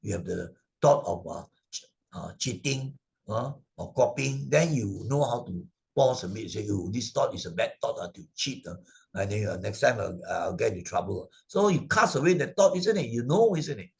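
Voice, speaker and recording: This man has a fairly low, gravelly, expressive voice and a moderate pace. Speaking Malaysian-accented English, he teaches Buddhist Sunday school by video call, telling children moral stories with lots of "uh" and tags such as "right?" and "isn't it?".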